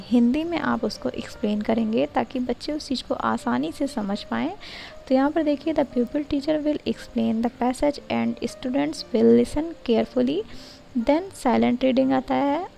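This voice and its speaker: A young Indian woman with an Indian accent presenting a tutorial, explaining steadily and reading English lines slowly and deliberately. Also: high voice, vocal fry, warm tone, low-quality recording. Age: young adult. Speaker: education channel presenter. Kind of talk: explanatory tutorial voice-over, Hindi mixed with English.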